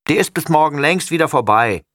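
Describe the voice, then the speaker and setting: A man's voice: on the high side, expressive, brisk, a bit bright, no room sound, studio quality, pitched above the performer's own voice. A man voicing a stubborn, clingy little boy with a cold in a storybook reading, sniffly and pleading. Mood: whiny.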